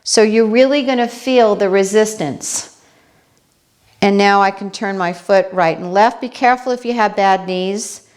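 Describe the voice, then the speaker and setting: A woman with a New York accent demonstrating balance exercises, chatty and unhurried, checking in with viewers as she goes. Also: medium pitch, a little mellow. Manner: unhurried, talks while demonstrating moves. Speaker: fitness instructor.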